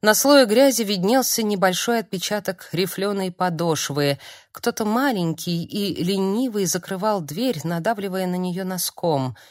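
A woman narrating an audiobook in a calm, measured reading. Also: mid-range voice, no echo, clean studio sound. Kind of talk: scripted narration.

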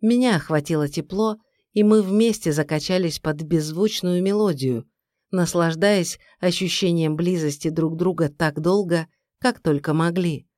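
A woman reading a first-person fantasy audiobook in a steady, even storytelling voice. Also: fairly low pitch, dry recording, clean studio sound. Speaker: audiobook narrator. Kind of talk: scripted first-person narration.

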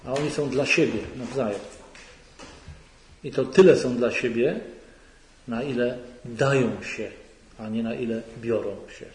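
A man's voice: mid-range voice, a little slow, long pauses, darkish tone. Man lecturing in an echoey hall. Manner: conversational, rhetorical questions to the audience. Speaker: retreat lecturer. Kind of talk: lecture to a church retreat audience. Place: large sanctuary hall. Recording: echoey hall recording, faint noise.

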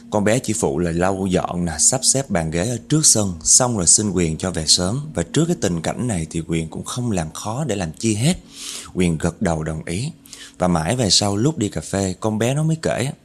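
A man tells a ghost story with a low, slightly husky voice. His pitch swings widely as he builds suspense, and he keeps turning to address his listeners. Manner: animated, addresses listeners directly. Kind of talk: horror story narration.

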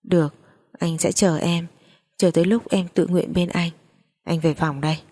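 A pushy, possessive man in a spoken story, as a woman storyteller reads him in her own low, mellow voice. He talks in an insistent, coaxing way. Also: fairly even intonation, normal speed, close to an everyday voice.

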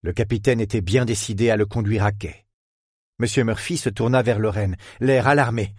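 A man narrating a novel as an audiobook, in a measured, literary storytelling manner. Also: fairly low pitch, steady tone, darkish tone, no room sound, clean studio sound.

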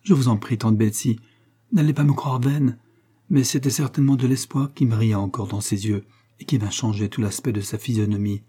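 A man's voice: mid-range voice, steady tone, fairly quick, dark tone, breathy edge, close to an everyday voice. A man reading an audiobook voices an earnest, lovesick young woman in a raised, pleading tone. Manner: emotional, pleading.

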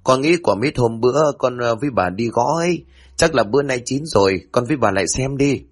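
A man voicing a cheeky, easily frightened young housemaid girl in a spoken ghost story, with shrill, excitable chatter. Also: brisk, natural voice. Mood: cheeky, eager.

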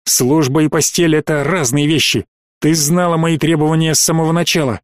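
A man's voice: a little high, fairly even intonation, brisk, dry recording, clean studio sound, natural voice. Man reading as stern weary space colonel. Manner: clipped, commanding.

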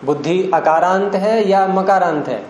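A man teaching Nyaya philosophy lectures a class on classical Indian logic and grammar, explaining step by step and quizzing his students. His voice is high-pitched, unhurried, and darkish in tone. The room is echoey, with faint hiss.

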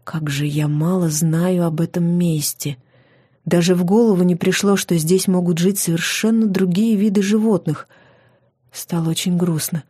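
A woman narrating a fantasy novel in the first person, in a wry, lively storytelling manner. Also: fairly low pitch, normal speed, breathy edge, no echo, clean studio sound. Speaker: audiobook reader.

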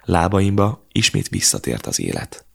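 A man reading an audiobook in a steady, measured narration. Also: deep voice, gravelly, slightly rough. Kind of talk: scripted narration.

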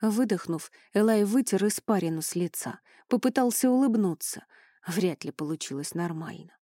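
A woman narrating a fantasy novel in a measured, even reading, recorded dry and close. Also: medium pitch, dry recording. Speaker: audiobook narrator. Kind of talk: scripted narration.

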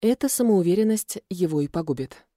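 A woman narrating a first-person fantasy audiobook in a calm storytelling manner on a close mic. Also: fairly low pitch, fairly quick, no room sound.

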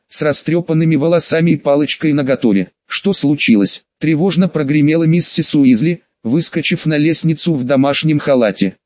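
A man narrating an audiobook in an even storytelling manner. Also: on the high side, no echo. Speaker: audiobook reader. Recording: dull lo-fi recording.

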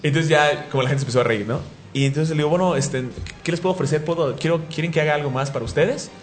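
Fast-talking Mexican man telling funny stories. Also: on the high side. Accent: Mexican Spanish. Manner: joking, self-mocking, acts out dialogue. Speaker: radio show host. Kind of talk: animated storytelling on a talk show.

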